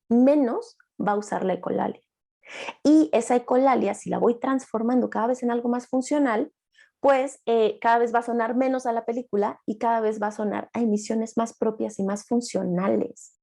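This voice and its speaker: A woman's voice: on the high side, creaky, warm tone. A young adult woman therapist giving an online master class, explaining patiently and acting out short lines of children and parents.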